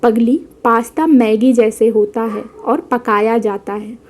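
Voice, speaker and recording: A woman's voice: a little high, steady tone, unhurried, a little hiss or hum, lightly acted. A woman voicing a young husband who patiently and teasingly corrects his wife. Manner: gently correcting.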